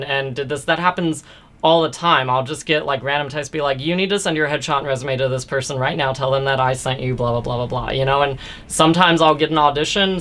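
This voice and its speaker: A man in his thirties, a guest actor telling stories in a casual interview, open and quick, with playful quoted asides. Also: on the high side, bright, forceful tone. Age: 30s.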